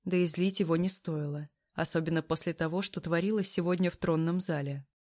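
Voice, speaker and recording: A woman reading a first-person story aloud, narrating in a calm, even way. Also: fairly low pitch, fairly quick.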